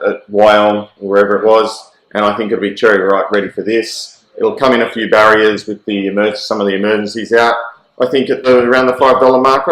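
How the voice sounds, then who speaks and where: A matey Australian man with a fairly low voice, recorded in an echoey room. He co-hosts a racing show, offering opinionated tips and casual banter. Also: a bit bright. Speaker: co-host and racing tipster. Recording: echoey, roomy sound.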